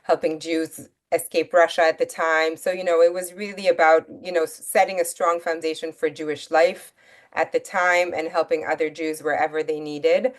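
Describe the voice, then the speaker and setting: A woman born in Italy and raised in Belgium, an author answering interview questions in a measured, thoughtful way with frequent pauses. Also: deep voice, level tone. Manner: measured, thoughtful, many ums. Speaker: guest author. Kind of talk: interview conversation.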